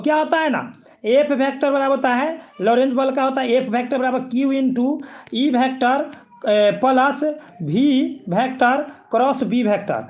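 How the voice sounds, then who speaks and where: A man with a high, light voice coaches students through exam physics questions. He talks with them directly, repeats key points and keeps asking if they follow. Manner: repetitive, coaxing, keeps checking students follow. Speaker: physics teacher. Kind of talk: exam-prep lesson.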